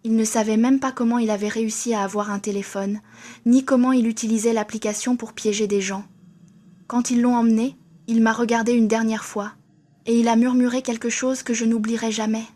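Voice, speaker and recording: Flat, tense woman horror narrator. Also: a little high, brisk. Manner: tense first-person storytelling.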